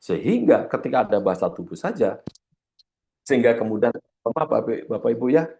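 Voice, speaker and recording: A male corporate trainer leading a seminar lecture, with a lively voice that swings up and down in pitch. He often turns to address his audience and goes over key points again. His voice sounds slightly heavy from a cough. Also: fairly quick, creaky.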